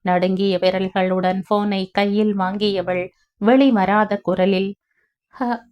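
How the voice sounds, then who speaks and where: Slow, measured woman storyteller. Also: mid-range voice, highs cut off. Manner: measured, even reading. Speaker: audiobook narrator. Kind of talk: scripted story narration.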